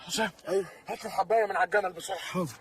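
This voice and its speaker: A man's voice: sits high, fairly even intonation, racing, close to an everyday voice. An actor playing a rattled man who curtly brushes others off.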